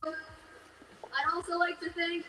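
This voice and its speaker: Male speaker on a background TV, distant and roomy, flat delivery. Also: extremely high pitch, takes it slowly. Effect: TV playing in the background of another room. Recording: distant echoey TV sound with faint hiss.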